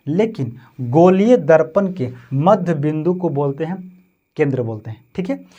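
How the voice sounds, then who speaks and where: On a muffled recording, a man with a high-leaning, dark voice and a Bihari Hindi accent teaches physics. He repeats terms, poses and answers his own questions, and keeps asking 'समझे?' and 'है ना'.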